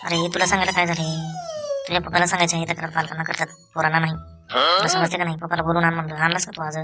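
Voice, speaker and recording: Woman as a stern cartoon schoolmaster, low and flat, fast scolding over music. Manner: scolding, rapid. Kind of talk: cartoon voice acting. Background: background music.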